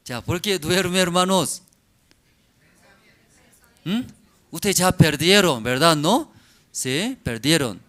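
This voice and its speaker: A male pastor preaching a sermon at a church service, in halting, simple phrases, often asking the congregation questions. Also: on the high side, expressive, a bit bright. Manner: halting, simplified phrasing with many pauses and fillers.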